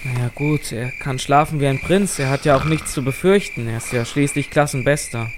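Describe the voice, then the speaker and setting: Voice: mid-range voice, a little fast, background noise, lightly acted. An actor voicing a mischievous, cheeky boy who grumbles and schemes theatrically in an audio drama. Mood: grumbling, scheming.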